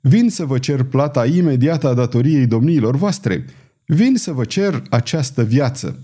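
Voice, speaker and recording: A man voicing a bold, mocking male swordsman who speaks with calm, taunting defiance. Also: medium pitch, natural voice. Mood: defiant.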